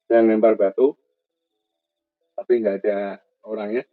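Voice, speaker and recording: A man, filming himself camping alone outdoors at night, narrating in a tense hush and muttering prayers. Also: on the low side, little pitch movement, moderate pace, no echo, phone-quality sound, soft background music. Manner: tense, repeats short urgent calls to listen; muttering prayers under breath. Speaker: solo camping vlogger. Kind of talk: hushed on-the-spot night vlog narration.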